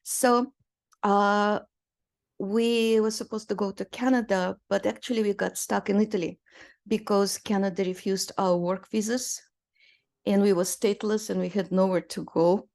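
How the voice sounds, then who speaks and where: A Romanian-born guest artist in her sixties tells stories in a conversational interview, with fillers and little laughs throughout. Her voice is steady, creaky and a little mellow, mid-range in pitch, at normal speed.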